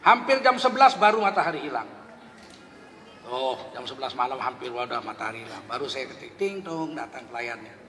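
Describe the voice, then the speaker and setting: A man preaching, telling a humorous story with lively dialogue and then teaching. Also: medium pitch, fairly quick. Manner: lively anecdotal telling, acting out both sides of dialogue. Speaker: Islamic preacher. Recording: long hall reverb, faint background noise.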